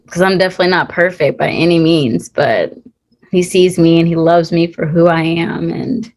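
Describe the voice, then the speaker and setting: A woman's voice: on the low side, steady tone, moderate pace, a little mellow. A young woman actor talking in a casual interview, earnest and heartfelt, with many fillers and restarts. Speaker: guest, actor.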